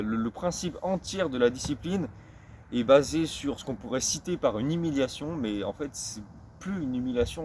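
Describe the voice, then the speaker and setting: A man's voice: medium pitch, a little mellow, slight background noise. Hesitant man explaining casually. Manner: hesitant and searching for words, often repeating himself; reads English phrases slowly and self-consciously. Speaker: street football vlogger.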